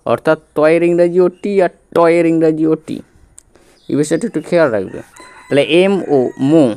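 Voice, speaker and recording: A Bengali-speaking man with a smooth, warm, rather high voice teaches English reading step by step. Patient and repetitive, he spells words letter by letter and keeps quizzing the viewer as he goes.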